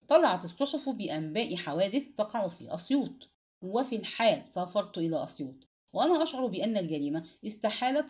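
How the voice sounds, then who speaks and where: Lively woman narrating a story. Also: medium pitch. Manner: expressive, dramatic storytelling. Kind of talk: dramatic audiobook narration.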